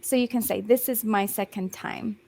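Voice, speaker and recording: This is a young Australian woman teaching English one-on-one on a video call, her mid-range voice steady and gravelly against heavy background noise. She stays patient and encouraging, slowing to rephrase and saying um a lot.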